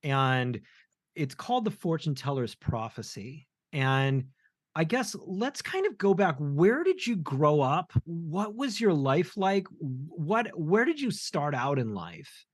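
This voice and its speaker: A man's voice: a little high, big pitch swings, slow pace, dry recording, clean studio sound. A man hosting a podcast interview, asking questions admiringly and stumbling over his first words. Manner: admiring, repeats words when starting. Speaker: podcast host.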